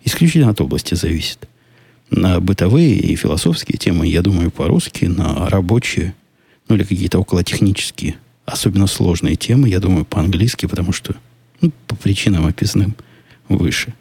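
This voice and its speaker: A deep-voiced man runs a solo podcast, musing casually over listener questions, frequently skeptical and often starting sentences over. He's animated and a little fast, with vocal fry and a darkish, breathy tone, recorded with no room sound.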